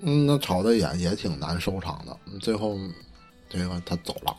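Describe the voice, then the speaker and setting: A man's voice: low-pitched, very animated, moderate pace, a little mellow, soft background music. A man co-hosting a casual podcast chat, telling stories in a heated, profane way and stumbling over restarts. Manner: stammering restarts. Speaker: podcast co-host.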